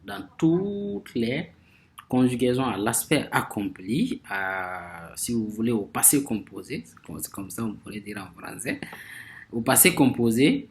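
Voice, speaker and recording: A man teaching a grammar lesson, speaking slowly and repeating words as he searches for phrasing, stressing example words emphatically. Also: mid-range voice, sing-song. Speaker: language teacher.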